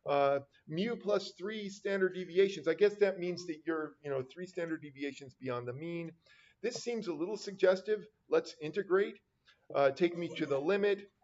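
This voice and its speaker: A man's voice: high voice, moderate pace, darkish tone. A middle-aged man teaching a math class, chatting casually with wry, rambling asides. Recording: dull lo-fi classroom recording.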